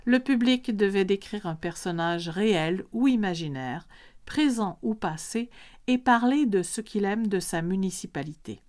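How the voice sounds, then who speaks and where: A woman's voice: mid-range voice, lively intonation, a little slow, darkish tone. Woman narrating a story.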